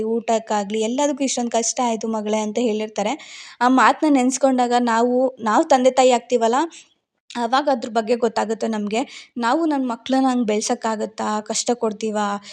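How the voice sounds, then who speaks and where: A woman's voice: on the high side, a little mellow. A young woman from Karnataka with a rural Bangalore Kannada accent, telling a personal story in a heartfelt, reflective vlog. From Karnataka, India. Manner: heartfelt, reflective, repeats phrases while recalling. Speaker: vlogger.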